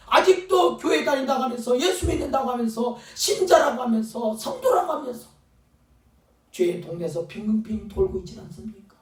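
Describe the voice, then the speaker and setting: A male pastor preaching a fervent sermon, sometimes acting out pleading voices. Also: extremely high pitch. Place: church sanctuary. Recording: echoey church sound from a distant mic.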